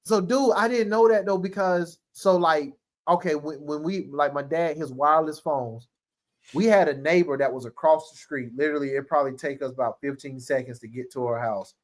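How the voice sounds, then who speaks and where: A male host in casual chat, telling lively stories and acting out quotes with frequent laughter. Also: fairly high pitch, normal speed. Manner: animated storyteller, acts out quotes, laughs often.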